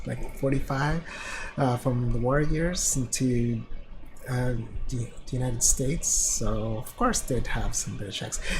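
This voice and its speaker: A man's voice: medium pitch, a little hiss or hum, rough recording. A man giving casual, hesitant commentary while streaming a video game, rambling with many fillers into a streaming microphone. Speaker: let's play streamer.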